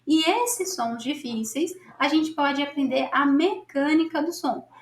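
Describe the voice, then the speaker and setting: A Brazilian woman with a Brazilian Portuguese accent gives a casual English lesson. She is chatty and encouraging, and keeps checking in with her listeners. Her voice sits high and sounds roomy and echoey. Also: a little slow. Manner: chatty, encouraging, keeps asking "tudo bem?". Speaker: English teacher.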